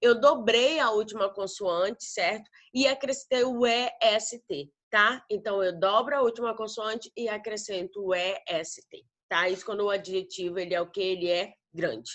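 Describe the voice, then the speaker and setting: A woman's voice: medium pitch, steady tone, moderate pace, few pauses, a bit bright. Brazilian woman teacher recording a grammar class, patient, keeps asking "tá?". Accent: northern Brazilian Portuguese. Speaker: English teacher.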